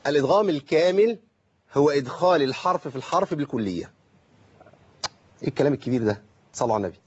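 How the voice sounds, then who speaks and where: A man with an Egyptian accent, teaching Quran recitation on a call-in lesson and explaining through rhetorical questions and slowly drawn-out examples. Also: on the high side, animated, husky, dull audio.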